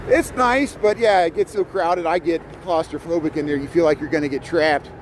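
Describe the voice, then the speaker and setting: A middle-aged man from Indiana talks briskly in a fairly high voice as he livestreams a walking tour of snowy city streets. With a mixed Chicago-Midwestern accent, he chats casually with viewers, often repeating words, over traffic and city noise.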